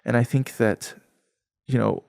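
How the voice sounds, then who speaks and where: A man's voice: mid-range voice, a little slow, vocal fry, a little mellow, no echo, studio quality. A young adult man, a podcast guest, telling his personal faith story in an earnest, heartfelt, conversational way, often saying "like".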